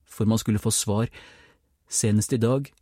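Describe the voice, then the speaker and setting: A man voicing an eager young boy who shouts urgently for his mother in an audiobook, his voice lifted high and loud. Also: fairly even intonation, no room sound, clean studio sound, natural voice. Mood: unsure.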